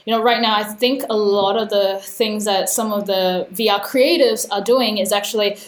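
A woman's voice: mid-range voice, steady tone, moderate pace, roomy sound. A young woman raised in Australia and Hong Kong, talking thoughtfully as an interview guest, with many fillers. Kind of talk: casual interview conversation.

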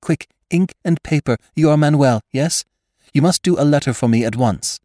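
A proud, imperious actress who snaps out orders with scorn, as a man lifts his voice high above his usual low register to play her. Her lines come out louder and sharper than the narration around them, in a dry, close sound. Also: lively intonation, normal speed, dry recording, close to an everyday voice. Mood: hurried. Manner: haughty and commanding.

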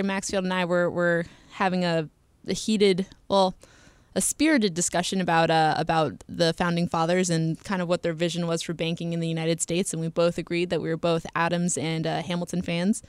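A young adult woman hosts a casual podcast, chatting playfully and laughing often. Her voice is lowish and clean, with no room sound.

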